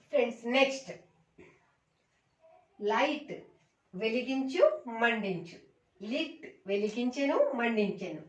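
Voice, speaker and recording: A woman teaching a slow, repetitive vocabulary lesson, reciting each word and its meaning twice and speaking to viewers as friends. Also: on the high side, roomy sound, far from the mic, highs cut off. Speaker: English teacher.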